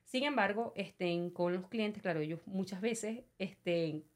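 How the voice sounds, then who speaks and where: A middle-aged woman speaks with a Venezuelan accent as a guest in a relaxed interview. She tells her stories with energy. She slips into other people's voices when she quotes them. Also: mid-range voice, takes it slowly. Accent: Venezuelan Spanish. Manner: lively storyteller who acts out quoted voices. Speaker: immigration paperwork consultant, guest. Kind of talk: casual interview conversation.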